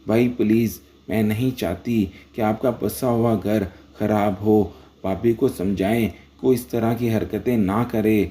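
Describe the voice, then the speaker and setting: A man reading the lines of a scheming young woman in a storybook narration, loudly accusing. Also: lowish voice, fairly even intonation, hardly any pauses, lightly acted. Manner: shouting accusations.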